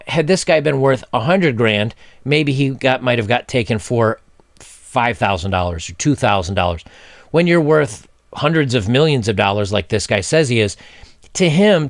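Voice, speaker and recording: A man's voice: mid-range voice, gravelly, dry recording, studio quality. A man in his forties giving blunt, opinionated commentary while reading a news story aloud, with mocking asides. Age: 40s.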